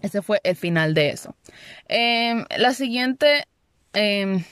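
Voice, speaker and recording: A woman telling a story casually, animated and sarcastic, switching between Spanish and English. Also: mid-range voice, slow, clear, resonant tone, no room sound, studio quality. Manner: exasperated, sarcastic asides. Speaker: university student.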